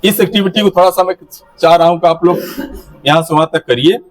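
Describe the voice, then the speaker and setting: Male teacher trainer with a fairly high voice, coaching a group through a game, directive and instructive. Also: fast talker. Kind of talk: classroom activity instruction.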